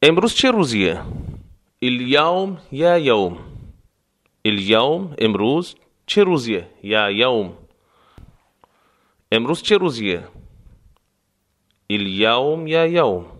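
Man teaching phrases by slow repetition. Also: medium pitch, a bit bright. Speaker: language teacher. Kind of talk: spoken phrase lesson with repetition.

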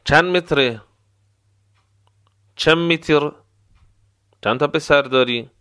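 A man teaching Arabic phrases to Persian speakers, repeating each word slowly and explaining how to pronounce it. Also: mid-range voice, pushed and bright. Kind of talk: language lesson with slow repetition.

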